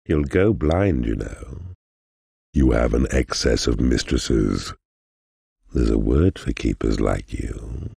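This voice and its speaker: An actor playing a huge, sinister demonic mentor in a video game, giving sardonic, drawn-out advice in a gravelly, husky growl. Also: male voice, a bass voice, darkish tone, dry recording, clean studio sound, full character voice. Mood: sardonic, weary. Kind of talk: scripted video game narration.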